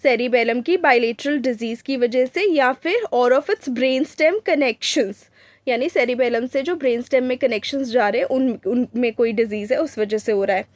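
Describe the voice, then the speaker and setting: Woman doctor, teaching in a high voice, unhurried and full of fillers, dry close sound. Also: no room sound. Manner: mixes Hindi and English, slows down to read English textbook lines; frequent hesitation fillers. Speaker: doctor teaching clinical examination. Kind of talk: lecture video.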